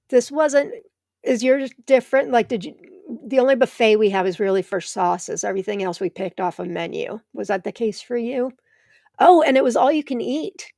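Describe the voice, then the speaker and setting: A woman's voice: fairly high pitch, gravelly, darkish tone, dry recording, clean studio sound. A middle-aged American woman hosting a live stream from home, chatting and answering viewers by name. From United States. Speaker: host of a live tomato show. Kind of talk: live stream chat reading comments.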